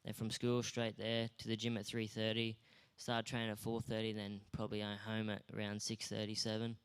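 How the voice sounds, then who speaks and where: A man's voice: fairly low pitch, completely flat delivery, moderate pace, clean tone. A young Australian man being interviewed on stage at a school awards night, talking in a modest, laid-back, rambling way. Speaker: guest athlete.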